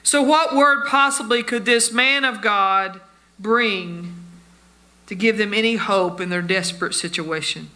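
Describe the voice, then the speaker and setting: A man's voice: high voice, unhurried, pushed and bright. A man preaching a sermon, telling stories and addressing his listeners as friends. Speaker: pastor.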